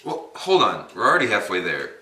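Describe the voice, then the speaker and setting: An eager, pragmatic young guy, acted by a man in a homemade comedy sketch. He talks fast in a low, lively voice, echoey and away from the camera. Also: full character voice. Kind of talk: amateur comedy sketch acting. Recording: echoey home camera audio, distant.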